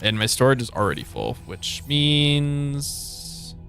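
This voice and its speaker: A man giving casual live game commentary as a streamer, with playful, slangy, expressive reactions. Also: medium pitch, slow, gravelly, soft background music.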